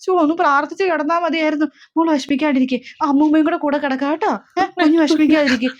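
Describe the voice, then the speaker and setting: A woman's voice: high voice, fairly even intonation, racing, dull audio, lightly acted. A woman voicing an old grandmother who fusses over and coaxes a frightened child in a comic family skit. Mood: fretful. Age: older. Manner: coaxing, fussing. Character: fussing soothing old grandmother.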